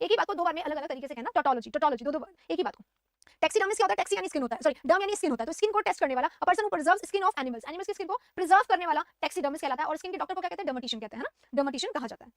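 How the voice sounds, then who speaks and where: A woman teaching vocabulary in Hindi. She reads definitions slowly and keeps asking and answering her own questions. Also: very high-pitched, fairly bright tone, dry recording, clean studio sound. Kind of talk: vocabulary lesson.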